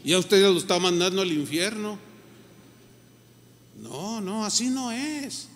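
A man preaching a sermon as pastor, talking in a conversational, animated way and acting out people's reactions. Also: high-pitched, a little slow, a little hiss or hum. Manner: animated, acts out quoted reactions. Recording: long reverb of a large hall.

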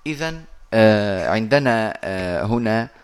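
A man teaching Quran recitation over a video call, patiently explaining and slowly reciting verses. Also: on the low side, lively intonation, a little hiss or hum.

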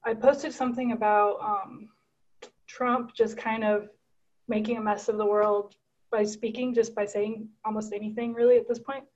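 A woman from Guatemala speaks earnestly on a video call, with many fillers and restarts. Her voice sits a little high. The call audio is dull and lo-fi. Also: level tone, normal speed, darkish tone. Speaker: caller. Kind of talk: casual storytelling on a video call.

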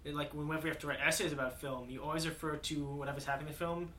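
A man joining a podcast conversation, explaining his point in a quick, eager way. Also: fairly high pitch, level tone, sharp tone, slight background noise. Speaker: podcast co-guest. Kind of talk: casual conversation.

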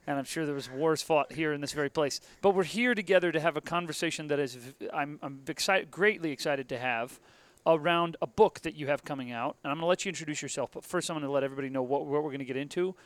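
An American man hosts a casual interview in a fairly high voice. He rambles and jokes wryly as he goes. The sound is very dry and close. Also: quick pace, few pauses, no room sound. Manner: wry, jokey, rambling. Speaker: podcast host and interviewer. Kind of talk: casual, conversational hosting. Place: basement room of a convention center.

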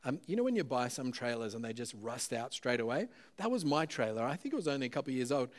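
A man preaching a sermon in a relaxed, conversational way, with plenty of "um"s and self-deprecating asides. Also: medium pitch, fast talker.

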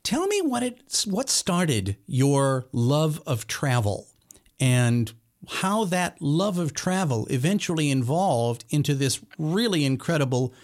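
Lively-voiced male podcast host. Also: on the high side, takes it slowly. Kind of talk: scripted intro then conversational interview.

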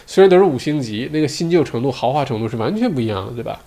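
A man holds forth alone on his own show, chatting casually and wandering between points. He leans on fillers and keeps checking in with tag questions. His voice sits at an ordinary middle pitch. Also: animated, rapid-fire, warm tone. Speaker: solo show host. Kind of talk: casual commentary monologue.

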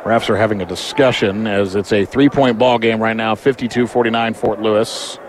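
A man's voice: lowish voice, fairly even intonation, moderate pace. Male basketball play-by-play man over game noise. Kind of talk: live sports commentary. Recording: clear background noise of the game.

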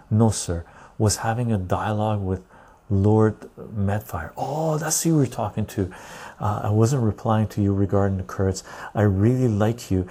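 A man's voice: lowish voice, mellow. A man, hosting a casual livestream, reading chat and rambling with frequent "right?" tags. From Canada, born in Iran. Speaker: livestream host.

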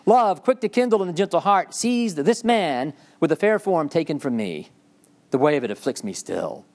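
A man's voice: fairly high pitch, very animated, moderate pace, darkish tone, pitched above the performer's own voice. A man reading as a charming, swooning young woman. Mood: wistful. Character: charming, flattering young woman lamenting lost love.

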